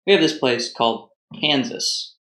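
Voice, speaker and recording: A man's voice: mid-range voice, moderate pace, fairly bright tone, reverberant. A man, a guest on a casual beer-tasting chat, making dry, needling remarks.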